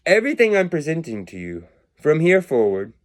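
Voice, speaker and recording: A man's voice: fairly high pitch, huge pitch swings, fairly quick. A man giving a rambling, philosophical monologue about numbers, meandering and self-mocking, his accent drifting in and out. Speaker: video creator musing on numbers and words.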